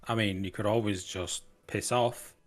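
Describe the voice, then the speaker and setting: A man's voice: lowish voice, fairly even intonation, moderate pace, close to an everyday voice. A man voicing a surly, hostile male frontier gunman who answers curtly and rudely. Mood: dismissive. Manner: curt, rude, dismissive.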